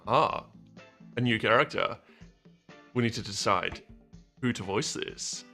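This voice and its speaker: A man's voice: on the low side, a little slow, gravelly, pushed and bright, soft background music. A man streaming a video game, chatting playfully and teasing his viewers. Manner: playful, teasing, laughs often. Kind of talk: casual game stream chat.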